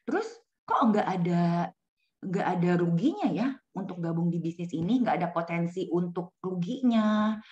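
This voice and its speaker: A woman's voice: medium pitch, a little mellow. A woman giving a casual business testimonial in a chatty way, dropping in English phrases. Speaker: business presenter. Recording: slightly dull lo-fi sound.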